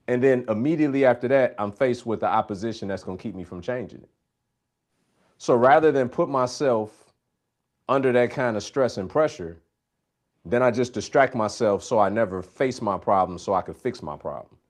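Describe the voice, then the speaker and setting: A man's voice: mid-range voice, moderate pace, darkish tone. A man hosting a live Q&A, talking emphatically in a preacherly coaching style and repeating his key phrases. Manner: preacherly, faith-based coaching. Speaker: host. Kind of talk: live Q&A talk.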